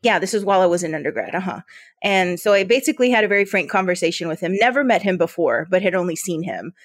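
Speaking as an interview guest, this American woman from Yuma, Arizona, who leads a port authority, shares personal stories in a chatty, informal way and often quotes dialogue. Her voice is lowish, animated and fast, captured in a dry, clean studio recording.

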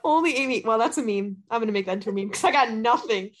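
A woman's voice: a little high, lively intonation, fast. A woman in her early twenties from the US Midwest, co-hosting a casual, slangy podcast over a computer video call. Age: early 20s. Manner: giggly, profane, slangy. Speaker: podcast co-host.

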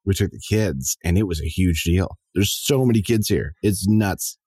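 A man's voice: deep voice, normal speed, a little mellow, slightly rough, no echo. A man hosting a podcast in a playful, informal, chatty way. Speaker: podcast host. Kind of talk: casual chat.

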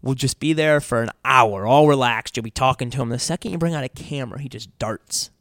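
A man co-hosting a casual radio chat show, talking in a relaxed, chatty way and laughing easily. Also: mid-range voice, brisk, dry recording, studio quality. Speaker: co-host. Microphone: studio mic.

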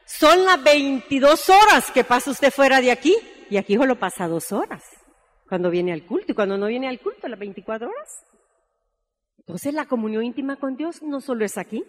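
High-voiced woman preaching in a hall. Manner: emphatic, addresses listeners as sisters. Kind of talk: sermon. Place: church. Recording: long reverb in a church hall.

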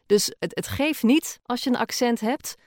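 Answering listener questions, this podcaster and voice-over artist chats casually, dropping many fillers and laughing now and then, with her Gooise R coming through. Her voice is on the high side and animated at a normal speed, and the sound is clean studio quality with no echo.

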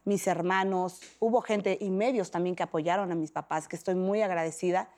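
A middle-aged Mexican woman, a podcast guest, tells an emotional personal story in an animated way, acting out the voices of people she quotes. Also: on the low side, normal speed.

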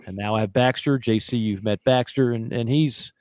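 A man co-hosting a sports radio show, telling a long personal story in a casual, animated way. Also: medium pitch, moderate pace, no echo. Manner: animated storyteller who acts out quoted voices.

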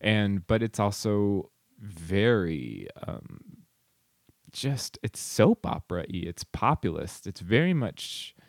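Low-voiced man, halting book talk. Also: very animated, gravelly, no echo, studio quality. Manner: halting, restarts often, quick to laugh. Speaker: podcast co-host. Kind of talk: casual book chat.

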